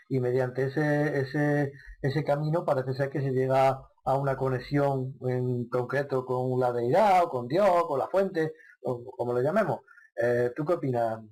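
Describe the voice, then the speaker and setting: A man in a medium-pitched voice hosts a casual radio talk show. He asks his guest questions and thinks aloud in a hesitant way. He often pauses and restarts, filling the gaps with short sounds. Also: darkish tone. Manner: hesitant, many fillers and restarts.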